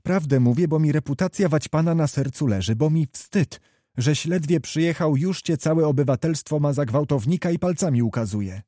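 A man's voice: fairly high pitch, moderate pace, warm tone, no echo, clean studio sound, voice pushed up, close to an everyday voice. A man voicing a stern young noblewoman. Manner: reproachful, earnest pleading. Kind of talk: audiobook character reading.

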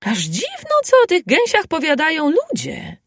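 A woman voicing gossiping village women who argue in high, sing-song voices, in a storybook reading. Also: huge pitch swings, moderate pace, fairly bright tone, no echo, studio quality, exaggerated voice. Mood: wondering.

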